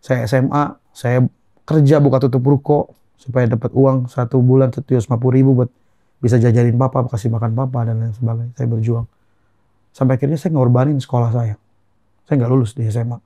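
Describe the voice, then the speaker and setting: Fast-talking earnest young man. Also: mid-range voice, level tone, warm tone, no echo. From Indonesia. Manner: earnest, halting, repeats phrases. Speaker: guest. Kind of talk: emotional personal testimony.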